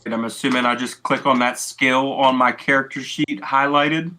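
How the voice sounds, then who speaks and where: A man's voice: mid-range voice, steady tone, normal speed, sharp tone, slight background noise. A man playing a cleric in a tabletop game, eager and mock-formal in character. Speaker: player, cleric.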